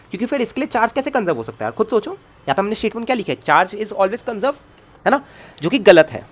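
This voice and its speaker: A man teaching a physics lecture, coaxing students with constant check questions and jokey asides. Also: high voice. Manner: jokey asides and self-talk while writing. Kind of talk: online lecture at a whiteboard.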